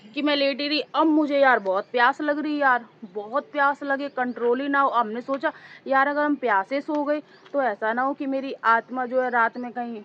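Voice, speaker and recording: A woman vlogger with a hoarse, sore throat, chatting casually and rambling to her viewers as she records outdoors on a two-storey house with a handheld phone. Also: high-pitched, normal speed, lo-fi sound. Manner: rambling, talks straight to viewers as "guys".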